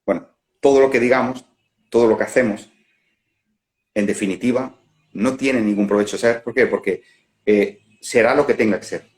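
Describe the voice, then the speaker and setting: A man with a Spain Spanish accent and a medium-pitched voice gives a reflective spiritual talk as a non-duality facilitator. Unhurried, he muses aloud and laughs at his own examples, recorded on a phone during a live stream.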